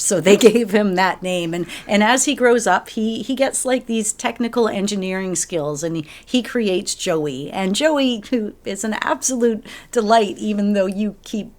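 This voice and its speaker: A woman co-hosting a retro gaming podcast, recapping a game's backstory in an eager, chatty way. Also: mid-range voice. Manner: enthusiastic storytelling with laughs. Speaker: podcast co-host. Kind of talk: casual chat.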